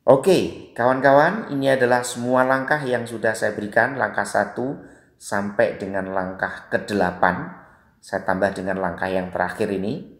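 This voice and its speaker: A man with an Indonesian accent teaching English, explaining patiently and repeating example phrases slowly. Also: fairly low pitch, fairly even intonation, echoey room. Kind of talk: explanatory lesson.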